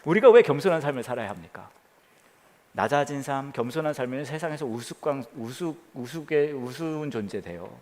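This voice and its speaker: A man preaching as a pastor, telling a story with quoted voices and dropping to a hush near the prayer. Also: mid-range voice, animated, fairly quick, big-room sound. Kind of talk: sermon. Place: church during the pandemic.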